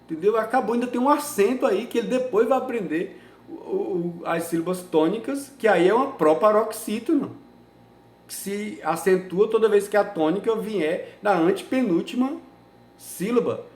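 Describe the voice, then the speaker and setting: A Brazilian man lectures a class with a raised, high voice. He talks emphatically and keeps asking rhetorical questions. His voice rings around a reverberant room. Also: moderate pace, a little mellow. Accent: Brazilian Portuguese. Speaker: teacher. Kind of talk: university lecture.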